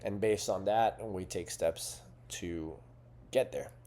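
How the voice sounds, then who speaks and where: A man with a fairly low, mellow voice speaks as a coach. He talks in an earnest, conversational way and checks in with the listener often. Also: slow. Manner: earnest, conversational, with fillers and rhetorical "right?". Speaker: fitness coach. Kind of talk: coaching talk to camera.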